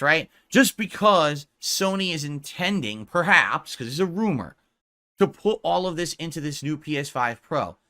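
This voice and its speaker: A man's voice: sits high, sharp tone. A man ranting sarcastically over gameplay, mocking and blunt, swearing in exasperation. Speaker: gaming commentator.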